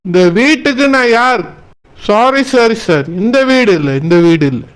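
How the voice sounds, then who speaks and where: Man doing a squeaky drunk cartoon husband. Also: very animated, normal speed, fairly bright tone, exaggerated voice. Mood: drunken bluster. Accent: Kanyakumari Tamil. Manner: slurred, self-important, rambling. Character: drunken blustering village husband, proud son-in-law. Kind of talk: cartoon comedy voice acting.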